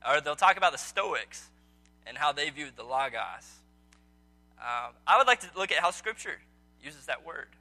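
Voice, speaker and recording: Soft music plays behind this man, whose slightly high voice has lively intonation and a moderate pace. Bright and forceful, he runs an evening Bible study indoors, teaching a small group conversationally, questioning them, and using plenty of ums.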